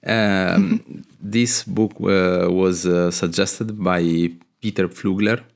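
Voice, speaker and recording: A man's voice: sits low, steady tone, extremely slow, creaky. A man hosting a podcast interview, speaking hesitantly with many fillers and restarts. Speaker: podcast host. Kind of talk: casual interview chat.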